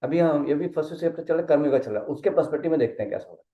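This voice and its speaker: A man's voice: a little high, lively intonation, rapid-fire. A man teaching a casual Gita study class, mixing Hindi and English, explaining step by step and often checking that the listener follows. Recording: dull muffled sound in an echoey room.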